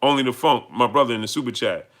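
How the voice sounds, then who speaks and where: A fast-talking man with a New York accent hosts a live stream, saying hello to viewers and reading their super chats out loud. His voice is medium in pitch with a fairly bright tone. He talks with emphasis, repeats himself, and escalates to heated peaks.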